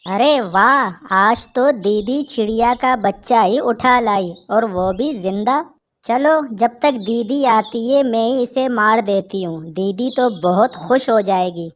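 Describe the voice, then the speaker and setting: A woman's voice: a little high, slow pace. A woman voicing a pushy sister kite. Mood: eager. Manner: eager and scolding. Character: hungry meddling younger sister kite, female. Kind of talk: Hindi cartoon voice acting.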